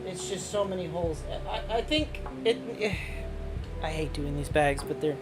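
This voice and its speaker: A woman in her late twenties chatting casually while she works on a craft project, excitable and quick to swear. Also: on the low side, rough recording. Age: 20s. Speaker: co-host of a crafting stream. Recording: music playing underneath.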